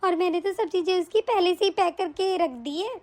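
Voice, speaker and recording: A vain, scheming mother-in-law in a cartoon story, as a woman voices her, muttering and grumbling. The voice sits very high despite her age. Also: fairly quick, a little hiss or hum. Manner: grumbling, muttering, self-pleased. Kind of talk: animated story voice acting.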